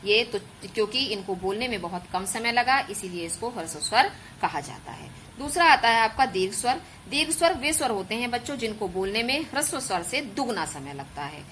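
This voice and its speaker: A woman's voice: a little high, lively intonation, brisk, few pauses, a bit bright, a little hiss or hum, poor audio. A woman schoolteacher giving an online grammar lesson to children, patiently explaining step by step and drawing out sounds as examples. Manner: addresses pupils as children. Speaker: school teacher.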